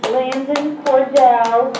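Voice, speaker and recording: A woman giving a school office page, reading out a list in a flat, matter-of-fact way. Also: sits high, drawn-out words. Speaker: school office staff paging students. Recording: echoey, distant intercom-like sound, faint noise.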